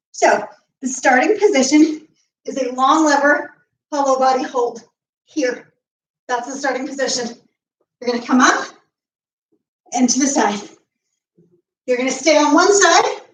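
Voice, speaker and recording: Breathless woman coaching a home workout. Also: sits high. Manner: coaching while exercising, counting reps aloud. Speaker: fitness coach. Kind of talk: live home workout instruction. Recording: echoey room, mic at a distance.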